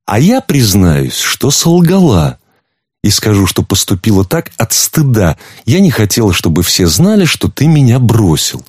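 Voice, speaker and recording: A man's voice: lowish voice, huge pitch swings, measured pace, a little mellow, husky, no echo, studio quality, exaggerated voice. A man reading an audiobook, voicing a stern, shrewd wife who speaks firmly and reproachfully. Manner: firm, cutting, reproachful. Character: stern shrewd wife, woman, coldly in control.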